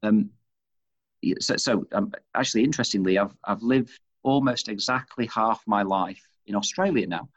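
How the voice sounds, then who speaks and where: Answering interview questions about leadership, a middle-aged Manchester man who heads an organization speaks in a fairly low voice at normal speed. He often repeats words as he figures out what he means. He's from England, and the highs are cut off in the audio.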